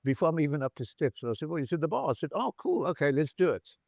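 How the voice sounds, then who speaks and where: A man's voice: a little high, fast, gravelly, no room sound. Storytelling man, dry close sound. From South Africa. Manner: animated anecdotal storyteller, acts out dialogue. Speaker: bar founder, interview guest. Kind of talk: casual storytelling interview. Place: bar in Cape Town.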